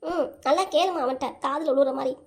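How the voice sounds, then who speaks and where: A woman's voice: sits high, brisk, lightly acted. A woman voicing a complaining, gossiping old grandmother in a cartoon comedy, with a southern Tamil Nadu accent. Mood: grumbling. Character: older grandmother, grumbling and scheming. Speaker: voice actor.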